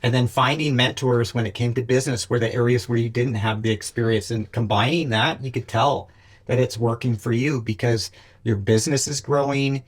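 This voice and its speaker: A man's voice: mid-range voice, fairly even intonation, brisk. A man hosting a casual conversational interview, speaking informally and encouragingly. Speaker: podcast host.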